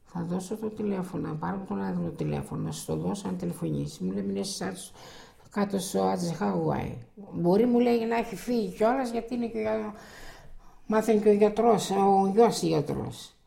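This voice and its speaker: Gravelly older woman recounting her past. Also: medium pitch, warm tone. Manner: rambling, halting storytelling with restarts and quoted dialogue. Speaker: interviewee. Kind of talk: oral history recollection.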